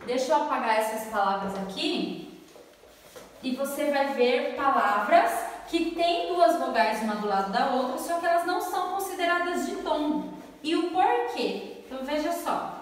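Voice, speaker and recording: A woman with a high voice and a Brazilian Portuguese accent teaches at the board, patient and friendly, drawing words out slowly when she spells them. She is picked up from a distance in a strongly echoing room. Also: animated, a little hiss or hum. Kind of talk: classroom lesson at a whiteboard. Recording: echoey room, voice from far off.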